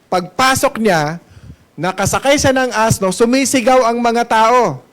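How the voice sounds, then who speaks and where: High-voiced Filipino pastor preaching. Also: male voice, unhurried, fairly bright tone. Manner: mixes Tagalog and English, often asks the congregation questions. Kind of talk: Sunday sermon. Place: church service hall.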